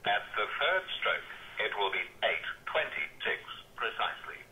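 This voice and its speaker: A man announcing the time as a speaking clock, his recorded words spliced together and delivered in a measured, precise way. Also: on the low side, expressive, sharp tone, low-quality recording.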